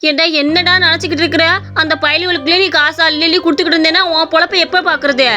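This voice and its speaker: A fussing middle-aged mother, voiced by a woman in a cartoon story. She scolds in a high, bright voice and talks fast with exasperation. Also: fairly even intonation, faint music behind. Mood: scolding. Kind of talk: animated story voice acting.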